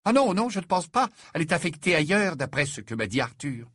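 A man voicing a bustling, bossy middle-aged witch and mother who talks loudly and briskly, his voice pushed up high. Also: sing-song, slightly rough, no echo, clean studio sound, heavily acted.

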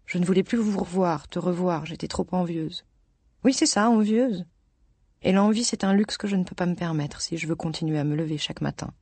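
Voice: mid-range voice, brisk, a little mellow, husky, no room sound. A reader voicing a wistful woman in her thirties in love with a married man, in a rueful, self-mocking, confiding audiobook reading.

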